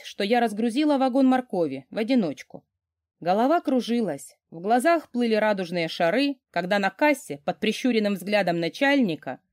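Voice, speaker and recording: A woman reading a first-person audiobook in an expressive, lively way. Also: mid-range voice, no echo, clean studio sound. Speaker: audiobook narrator.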